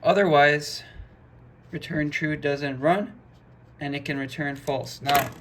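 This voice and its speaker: A man's voice: fairly high pitch, steady tone, takes it slowly. A man giving a casual programming lesson, talking through code step by step in a chatty way. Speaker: programming instructor. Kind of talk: casual screen-recorded coding lesson.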